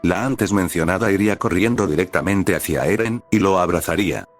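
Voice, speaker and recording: Low-voiced man reading a fan story. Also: a little fast, faint music behind. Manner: plain, even reading with speaker tags. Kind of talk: reading a fan fiction aloud.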